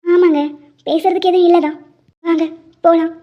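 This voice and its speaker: A woman voicing a young wife in an animated drama, hurt and pleading with quiet bitterness. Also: very high-pitched, normal speed. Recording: dull lo-fi sound.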